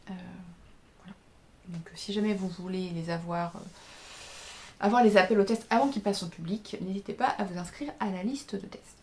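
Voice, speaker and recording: Her voice sits at a medium pitch and is slightly mellow. She is a weary knitting pattern designer in her thirties, hosting a casual video podcast about crafting, and she holds her work up to the camera while talking hesitantly and filling gaps with many fillers.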